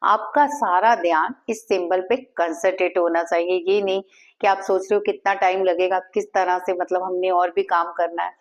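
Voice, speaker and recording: A woman teaching Reiki, guiding listeners through breathing and a meditation in a calm, steady way, with repeated chanted words. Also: lowish voice, moderate pace. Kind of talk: guided meditation instruction.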